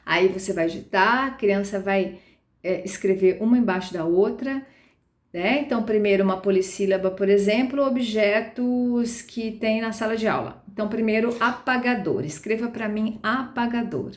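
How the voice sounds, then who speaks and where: A woman's voice: mid-range voice, normal speed, roomy sound. A woman teaching a class on early literacy, explaining step by step with patient, frequent check-ins to her listeners. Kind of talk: explanatory lecture.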